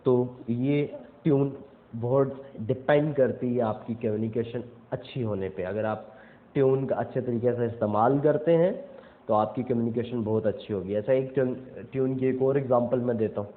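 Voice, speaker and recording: With a medium-pitched voice at normal speed, a young self-improvement speaker walks through his topic step by step in an informal way, frequently checking in with listeners. The audio sounds tinny, as if recorded on a phone.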